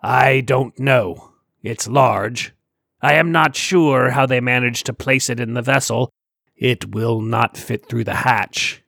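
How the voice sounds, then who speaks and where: A man voicing a slow, growling male alien crewman who speaks in a halting, formal way. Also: mid-range voice, vocal fry, a bit bright, no room sound, studio quality, exaggerated voice. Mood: grave.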